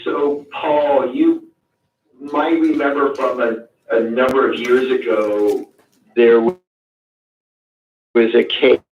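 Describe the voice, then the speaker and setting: A man's voice comes through a phone line, dulled and narrowed, with a husky, slightly rough edge. He is calling into a public meeting as a board member and lays out procedure in a careful, explanatory way. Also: medium pitch, fairly even intonation, slow, pauses often. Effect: heard over a phone line.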